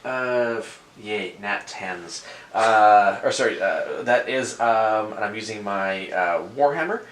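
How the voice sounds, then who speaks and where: A man playing a tabletop game, talking in a halting, playful way with many fillers. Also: lowish voice, animated, a bit bright. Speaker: player. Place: convention room. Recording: echoey room with faint noise.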